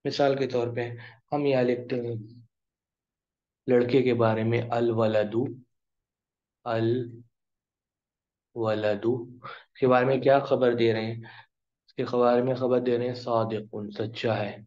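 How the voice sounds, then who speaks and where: A male teacher explaining grammar in a classroom lesson, drawing out each example word slowly. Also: mid-range voice, fairly even intonation, a little mellow. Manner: slow, drawn-out pronunciation of example words. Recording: dull lo-fi recording.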